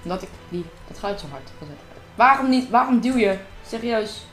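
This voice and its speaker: This gamer narrates her own play in a relaxed, chatty way, talking to herself and her audience from a room at home. Her mid-range voice is expressive, brisk and a bit bright, picked up by a desk mic in a reverberant space with soft music in the background.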